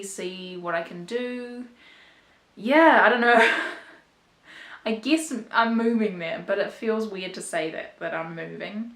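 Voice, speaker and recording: A young woman in her twenties with a New Zealand accent chats to her camera at home, rambling and self-deprecating. Her voice sits at an ordinary middle pitch. The sound is picked up by the camera in a bedroom that echoes noticeably. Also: a bit bright. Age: 20s. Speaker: vlogger. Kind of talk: casual confessional vlog.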